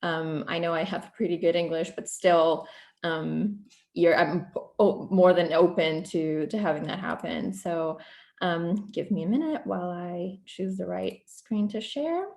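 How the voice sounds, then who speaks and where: Portuguese-born woman giving a talk on a video call, lowish voice, roomy echo, lots of ums. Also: unhurried, darkish tone. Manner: fluent, careful, with many ums and restarts. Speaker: guest speaker, program coordinator. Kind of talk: presentation over video call.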